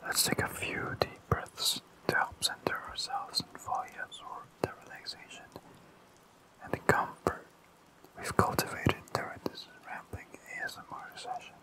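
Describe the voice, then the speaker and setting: An ASMR host rambling calmly in a fully unvoiced, slow and soothing whisper. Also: rough recording.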